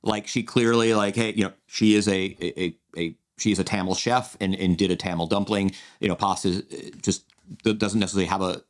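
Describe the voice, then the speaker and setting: A man's voice: low-pitched, fairly even intonation, fairly quick. A man co-hosting a podcast, chatting casually through a draft analysis with lots of restarts. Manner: rambling, many restarts and fillers. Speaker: podcast co-host.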